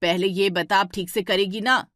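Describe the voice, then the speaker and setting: A woman voicing a stern, scolding middle-aged mother-in-law in a cartoon story, firing sharp questions at her daughter-in-law. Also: mid-range voice, steady tone, normal speed, no room sound, clean studio sound, natural voice.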